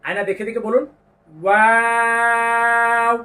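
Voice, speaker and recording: A man teaching Quran pronunciation, patiently explaining each letter and drawing out the sounds slowly. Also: high voice, distant mic. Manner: slow drawn-out demonstrations of letter sounds, patient instructions. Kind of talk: step-by-step pronunciation lesson.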